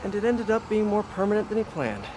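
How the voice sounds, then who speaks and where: A man's voice: sits high, big pitch swings, fast, noisy background. An American man playing a quippy, earnest young superhero in a video game, talking in a wry, casual way. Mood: wry, focused. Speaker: video game lead character. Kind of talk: video game voice acting, conversational.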